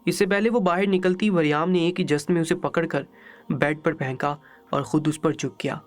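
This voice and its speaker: A man narrating an emotional story in a dramatic, measured storybook style. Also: a little high, steady tone, soft background music.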